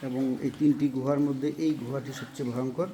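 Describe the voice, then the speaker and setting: A man's voice: medium pitch, level tone, brisk, warm tone. Guy doing travel vlog commentary in a cave, says things twice, noisy location sound. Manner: repeats phrases for emphasis. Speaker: travel vlogger. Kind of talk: live sightseeing commentary to camera, chatting with companions. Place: small boat inside a low cave.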